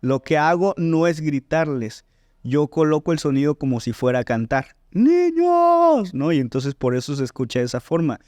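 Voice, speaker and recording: A man's voice: medium pitch, steady tone, a little fast, a little mellow, no room sound, clean studio sound. A man, a voice teacher and singer explaining technique in a podcast interview, often checking in with "¿no?" and "¿sí?". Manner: didactic, frequent "¿no?" and "¿sí?" check-ins.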